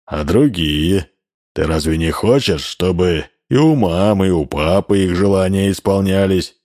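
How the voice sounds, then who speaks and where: A man voicing a stern old male winter gift-giver who speaks slowly and deliberately. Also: sits low, darkish tone. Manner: slow, deliberate, frowning.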